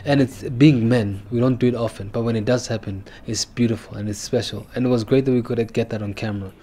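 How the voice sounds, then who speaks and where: A man's voice: mid-range voice, fairly even intonation, fast talker, warm tone. A male actor in a behind-the-scenes interview, earnest and reflective, with many "you know"s.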